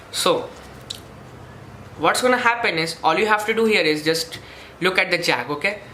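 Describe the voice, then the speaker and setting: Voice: mid-range voice, bright, forceful tone, a little hiss or hum. A presenter walking through a card trick step by step in an instructional way, often checking in with "okay". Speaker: magic tutorial presenter. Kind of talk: step-by-step demonstration and tutorial. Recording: roomy echo with faint music.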